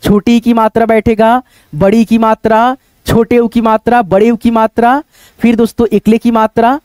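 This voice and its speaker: A man with a very high, crisp voice teaches letters step by step. He repeats himself patiently and keeps quizzing his viewers. The sound is dry and close. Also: a little mellow, dry recording. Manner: repetitive and patient, keeps calling out to friends and asking check questions. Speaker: online Hindi teacher. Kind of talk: teaching at a board, explaining step by step.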